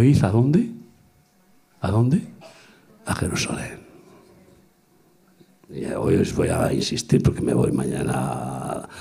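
A middle-aged man preaching a sermon in a gravelly, husky voice. His pitch leaps and falls with lively swings. He pushes some phrases out at full force and drops others to a near-whisper, repeating words to drive them home. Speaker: pastor. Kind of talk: sermon at a women's retreat. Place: church hall before a congregation.

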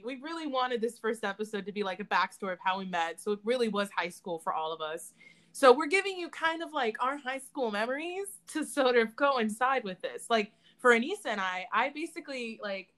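Animated young woman telling stories. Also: on the high side, a little fast. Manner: animated, laughing, acts out voices in her stories. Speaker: podcast co-host. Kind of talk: casual storytelling chat.

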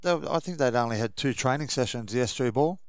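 A man's voice: mid-range voice, animated, fast talker, dry recording, studio quality. An Australian man co-hosting a sports radio show, chatting in a colloquial, matey style. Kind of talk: casual sports chat. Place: radio studio.

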